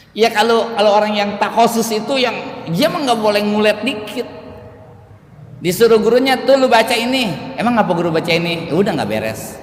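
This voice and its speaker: Higher-voiced man preaching in echoey mosque. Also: normal speed, long pauses. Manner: casual, joking storytelling with acted dialogue. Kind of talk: mosque study-circle sermon. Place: mosque hall. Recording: echoey mosque hall with faint noise.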